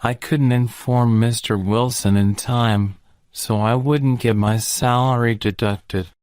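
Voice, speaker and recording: A man's voice: medium pitch, fairly even intonation, slow pace, a little mellow, smooth, no echo, clean studio sound, lightly acted. A man voicing a nervous male servant who speaks in a trembling voice in a storybook reading. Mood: tearful. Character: nervous young male servant, timid and shaky.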